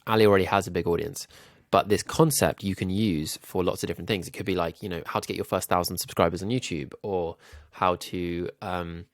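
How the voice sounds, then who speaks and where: Deep, gravelly, nasal man. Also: brisk, hardly any pauses, dry recording, clean studio sound. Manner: relaxed, thinking aloud with frequent ums. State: slightly ill. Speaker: YouTube growth coach. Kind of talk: screen-recorded design tutorial.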